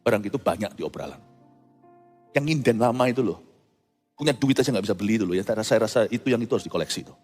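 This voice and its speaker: A man preaching a sermon in a playful way, swinging between loud exclamations and low asides. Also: expressive, rapid-fire, long pauses, slightly rough. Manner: playful, mixes in English words. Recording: long hall reverb with faint music behind.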